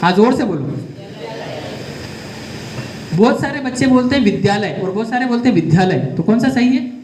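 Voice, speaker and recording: Male teacher with a Malwa Rajasthani accent, high voice, echoey classroom, drills and corrects pupils. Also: animated, normal speed, a little mellow. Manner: quizzes students, repeats words to correct them. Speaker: career guidance teacher. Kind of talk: classroom lecture. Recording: echoey room with faint noise.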